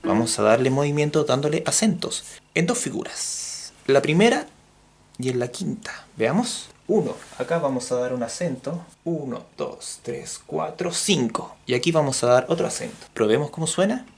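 A Chilean man gives a jokey, animated music theory lesson with a mid-range voice. He counts beats out loud as he explains. Soft music plays faintly behind him. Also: medium pitch, moderate pace, breathy edge. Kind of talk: playful video lesson.

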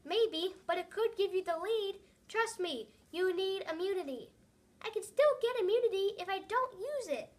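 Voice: very high-pitched, moderate pace. A young voice chattily voicing toy dogs in an amateur toy role-play. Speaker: home video creator voicing toy dogs.

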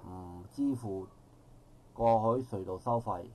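A middle-aged man with a Hong Kong Cantonese accent takes it slowly, his lowish voice a little mellow. Speaking from the audience at an outdoor park forum, he gives a long, formal, rambling comment with frequent self-corrections.

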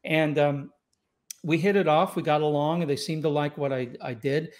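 During a relaxed storytelling interview on video call, a man in his sixties, a saxophonist from Scotland who grew up in LA, speaks at a moderate pace in a high-leaning voice with a steady tone. His reflective, easygoing stories are full of fillers and restarts. He sits in a home room with wooden doors and shelves, with a studio mic on a boom arm.

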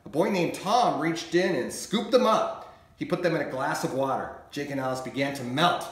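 A man reading his children's book aloud in an expressive, animated storytelling manner. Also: on the high side, moderate pace, echoey room.

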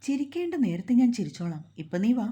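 A woman storyteller voicing a stern, short-tempered young husband who scolds and gives orders in a gruff way. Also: medium pitch, sing-song, quick pace, dark tone, natural voice.

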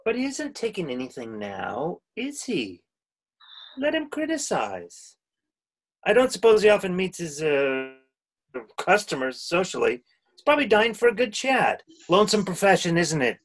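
Man acting a mild, bemused husband, very animated. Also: high-pitched, unhurried, husky, full character voice. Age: middle-aged. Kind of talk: stage play read over video call. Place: indoors, plain room. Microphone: video call.

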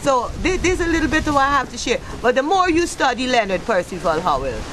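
A woman's voice: big pitch swings, fast talker, fairly bright tone, rough recording. A woman in her fifties from Guyana, speaking passionately in an outdoor interview, firing off rhetorical questions into a handheld mic. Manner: passionate, rhetorical questions, wide pitch swings. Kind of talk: impassioned interview talk. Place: outdoors under a thatched shelter. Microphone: handheld mic held by interviewer. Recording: outdoor recording with wind noise. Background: wind and outdoor noise.

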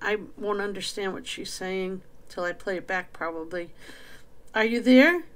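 A woman's voice: on the low side, fairly even intonation, normal speed, a bit bright. A middle-aged woman hosting a spirit box session in a casual, direct, questioning way. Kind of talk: casual vlog intro and slow questioning of a spirit.

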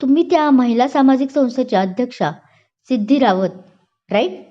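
A woman's voice: sits high, animated, brisk, dark tone. A woman voicing a young male police inspector who is polite, eager and chatty. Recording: dull lo-fi recording.

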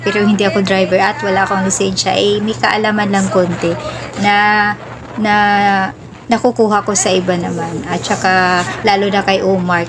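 A woman's voice: medium pitch, a little hiss or hum. Chatty Visayan woman vlogging from a motorbike. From Visayas, Philippines. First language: Cebuano (Bisaya). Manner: chatty, rambling, gives road-safety advice. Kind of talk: casual travel vlog narration. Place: riding pillion on a motorbike outdoors.

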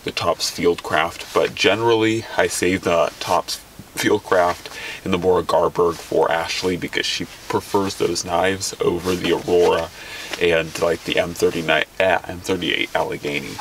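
A man's voice: low voice, steady tone, normal speed, a bit bright. A young man casually walking through his outdoor gear from the back of a vehicle, rambling and correcting himself as he goes. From Alaska. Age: young adult. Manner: rambling, self-correcting, enthusiastic about gear. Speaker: outdoors vlogger. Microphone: camera a few feet away. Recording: distant mic with clear background noise.

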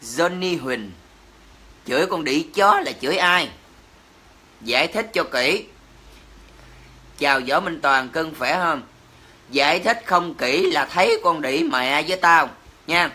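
A man's voice: on the high side, expressive, takes it slowly, long pauses, pushed and bright. A man with a Southern Vietnamese accent, ranting indignantly to his livestream viewers, cursing and exclaiming as he talks. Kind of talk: heated livestream rant.

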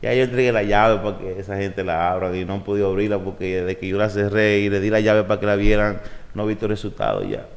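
A man's voice: fairly low pitch, fast talker, vocal fry. A man in his forties, born in Puerto Rico and raised in New York, talking casually as a guest in a studio interview. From Puerto Rico, raised in New York and the Dominican Republic. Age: 40s. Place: podcast studio. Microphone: desk mic on boom arm.

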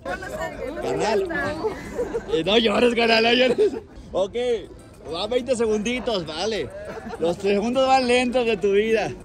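A young man with a Mexican accent hosts a street challenge by a car in a crowded outdoor plaza, teasing and cheering people on in slangy, casual talk. His voice is high and expressive, and he takes it slowly with frequent pauses. It's filmed on a handheld phone, with loud crowd noise and music around him.

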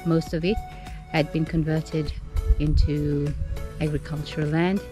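A woman's voice: deep voice, level tone, measured pace. A woman from South Africa gives a chatty, enthusiastic tour of a small cottage, filming with a handheld camera. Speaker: travel vlogger. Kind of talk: casual house-tour vlog narration. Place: small wooden cottage indoors. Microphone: handheld action camera. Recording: clear background music.

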